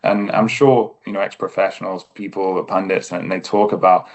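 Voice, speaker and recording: A man's voice: low-pitched, fairly even intonation, moderate pace, dull audio. An English man as a podcast guest, talking in a thoughtful, easygoing way with fillers and restarts. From England. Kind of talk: casual interview chat.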